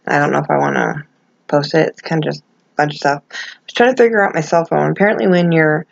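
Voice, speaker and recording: A woman's voice: fairly low pitch, gravelly, highs cut off. A middle-aged woman chatting casually as a vlogger, rambling and self-deprecating, with gummy, toothless articulation and no dentures in. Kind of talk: casual chat to camera.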